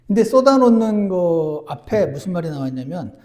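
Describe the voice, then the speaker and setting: A man preaching a sermon as pastor, earnest, moving between emphatic lines and hushed ones. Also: high-pitched, very animated, normal speed. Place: church.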